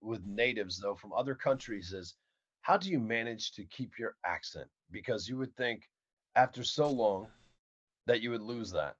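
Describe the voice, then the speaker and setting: A man's voice: fairly low pitch, moderate pace. Upbeat man, muffled audio. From Texas, USA. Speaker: guest, voice actor. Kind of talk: casual interview chat. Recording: slightly dull, muffled audio.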